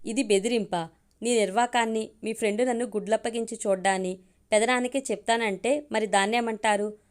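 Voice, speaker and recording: A woman voicing a quick-tempered, spirited young woman in a spoken audio story. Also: a little high, fairly even intonation, natural voice. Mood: huffy.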